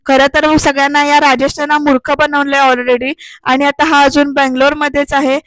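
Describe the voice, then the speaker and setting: A woman voicing a middle-aged uncle who calmly explains and reassures his nephew. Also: high-pitched, normal speed, no room sound, rough recording. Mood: reassuring.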